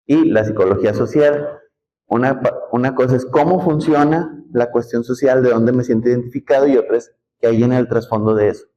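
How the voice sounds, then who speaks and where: A man's voice: mid-range voice, fairly quick, warm tone, highs cut off. A man from Nuevo León with a northern Mexican accent gives a classroom lecture, explaining in a conversational way and putting questions to the class. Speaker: teacher.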